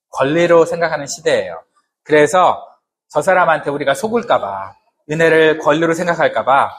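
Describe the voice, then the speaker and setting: A man preaching a sermon to his congregation in a conversational way, often asking them questions and adding humorous asides. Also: fairly high pitch. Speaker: pastor.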